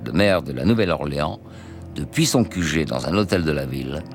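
A man narrating a news documentary in a measured, questioning scripted delivery. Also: extremely low pitch, lively intonation. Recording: voice-over with music underneath.

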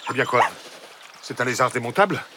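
A man's voice: mid-range voice, lively intonation, a little fast, sharp tone, a little hiss or hum. An actor playing an irascible male sea captain in an audio adventure drama, blustering and exclamatory in a theatrical way. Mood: grumpy sarcasm.

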